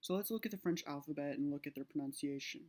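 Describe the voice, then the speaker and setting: A woman's voice: sits low, fast talker, a little mellow. A woman narrating a slide-based language lesson, explaining step by step with fillers and self-corrections. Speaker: language teacher.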